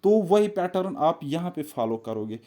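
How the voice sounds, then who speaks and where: Man, teacher, step-by-step explaining, quizzes listener, fairly high pitch. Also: very animated, normal speed, dark tone. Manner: repetitive, step-by-step, quizzes the viewer. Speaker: exam-prep teacher. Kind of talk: explaining reasoning puzzles on a board.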